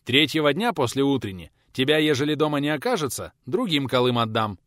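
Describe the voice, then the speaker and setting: A gruff, irritable old pensioner barks brusque orders, as a man acts him out. His delivery is lively in pitch and recorded dry and close. It is an audiobook reading. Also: a little fast, dry recording, close to an everyday voice. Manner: brusque, commanding.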